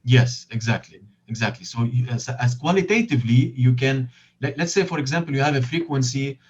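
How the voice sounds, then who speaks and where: A man speaks as an interview guest, explaining at length and pausing often as he searches for the right words. His voice sits at an ordinary middle pitch. The audio is heavily compressed, with a dull, muffled lo-fi quality. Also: slightly rough.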